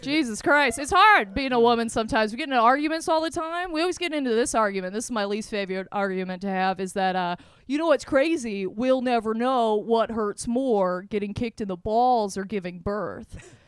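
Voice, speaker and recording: A young woman from Canada doing a stand-up set, animated and punchy, laughing at her own jokes. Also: on the high side, a little fast, clean tone, no echo. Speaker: stand-up comedian.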